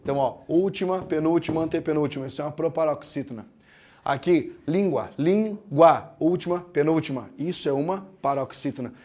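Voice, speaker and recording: A man's voice: on the high side, mellow. Man teaching a grammar class. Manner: explains step by step, asks the class questions, says "tá?" often; slows down to spell out words syllable by syllable. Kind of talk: classroom lecture.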